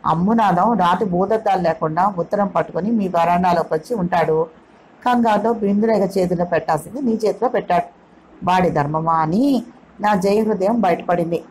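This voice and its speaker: A woman's voice: on the low side, moderate pace, a little mellow, a little hiss or hum, close to an everyday voice, rough recording. A woman voicing a good-humored young man in a Telugu audio novel, speaking in an amused, playful tone. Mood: explaining.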